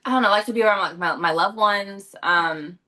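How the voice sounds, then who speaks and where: A young Los Angeles actress, appearing as a guest, chats her way through interview questions with frequent fillers and self-corrections. Her medium-pitched voice is brisk, pushed, and bright.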